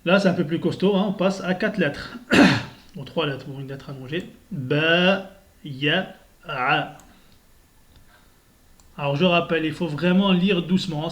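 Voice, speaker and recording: A man teaching a beginner Arabic lesson, reading syllables slowly and deliberately and clearing his sore throat often. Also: a little high.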